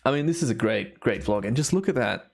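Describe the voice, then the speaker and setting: Hosting a live stream, this timelapse photographer speaks a little fast in a creaky, expressive, medium-pitched voice. His casual commentary bursts with enthusiasm and awe, though a long day of recording has worn his voice a bit.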